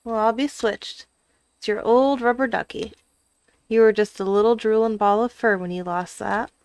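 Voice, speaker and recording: A woman's voice: on the high side, fairly even intonation, moderate pace, darkish tone, no room sound, natural voice. A woman voicing a kindly, folksy, reflective old fisherman from a story game. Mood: teasing, fond.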